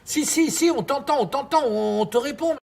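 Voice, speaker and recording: A tender, grandiloquent male night-radio host on stage. His voice sits fairly high and has a husky grain. He speaks in effusive, lyrical phrases and flusters easily. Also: expressive, unhurried, darkish tone, exaggerated voice. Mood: anxious, pitying. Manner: effusive, lyrical, repeating words when flustered. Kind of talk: theatrical stage monologue as radio sign-off.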